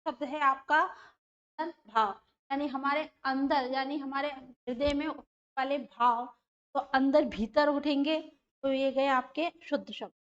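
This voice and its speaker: A woman's voice: high-pitched, steady tone, measured pace, muffled recording. A woman teacher giving an exam-prep grammar lesson, explaining step by step, repeating terms and putting questions to her students.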